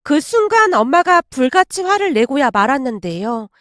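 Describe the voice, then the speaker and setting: A woman in her thirties telling her own family story in a chatty, confiding way. Her voice sits high and moves a lot in pitch. The sound is dry and close. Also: big pitch swings, moderate pace, fairly bright tone, dry recording. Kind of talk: first-person story narration.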